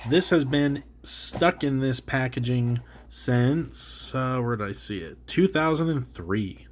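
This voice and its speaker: A man with a mid-range, animated voice speaks slowly over a faint hiss or hum, sounding stuffed up from a cold. Hosting his toy review channel, he unboxes an action figure in easygoing chat that meanders, fills pauses and keeps correcting itself.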